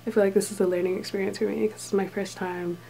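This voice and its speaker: A woman talking softly and half-whispering in a casual vlog, recorded in a small room with thin walls. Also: medium pitch, little pitch movement, fast, vocal fry, poor audio. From United States. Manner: talks softly and hushed, drifting into whispers. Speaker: vlogger, English teacher abroad.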